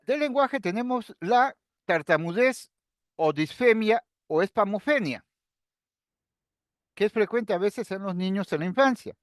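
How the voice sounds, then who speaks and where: A middle-aged man with a high voice, a psychiatry lecturer, delivers a recorded lecture. He explains calmly and step by step, often addressing his students directly, and the sound is dry and close with no room echo.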